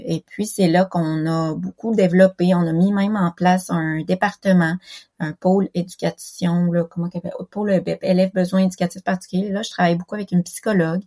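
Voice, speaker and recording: A woman in her thirties speaks with a Québécois French accent. Her voice sits a little low, and she chats casually as a podcast guest, hesitating often and restarting her sentences. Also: fairly even intonation, a little fast, warm tone. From Quebec. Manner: hesitant, many fillers and restarts. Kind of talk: casual interview chat.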